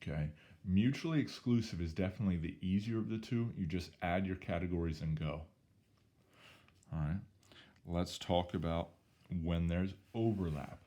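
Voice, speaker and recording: A male statistics teacher, hoarse from losing his voice, casually talking through problems step by step in a recorded lesson. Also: low-pitched, moderate pace, mellow. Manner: casual, chatty, talks through each step. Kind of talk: recorded math lesson walkthrough.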